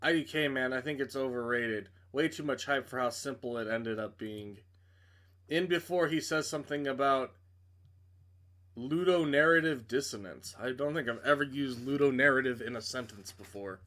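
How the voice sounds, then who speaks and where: A game streamer narrates a video game playthrough, reading the story text aloud dramatically in a mid-range, fairly bright voice at normal speed. He stumbles at times and breaks off to drop in casual, blunt asides.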